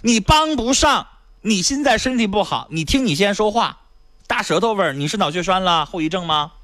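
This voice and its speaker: A man's voice: high-pitched, animated, a little fast, a bit bright, no room sound, studio quality. A man hosting a call-in radio show, bluntly lecturing callers. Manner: scolding, lecturing. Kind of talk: blunt advice radio talk. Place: radio studio. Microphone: studio mic.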